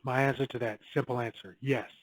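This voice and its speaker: A real estate agent records a casual video giving cold calling advice, coaching in a direct, no-nonsense way and returning to the same points again and again. His mid-range voice is steady and a little fast. The audio quality is poor.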